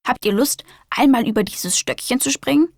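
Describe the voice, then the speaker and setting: A woman's voice: on the high side, normal speed, gravelly, dry recording, studio quality. Woman reading a patient kindly children's doctor. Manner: warm, encouraging, explaining.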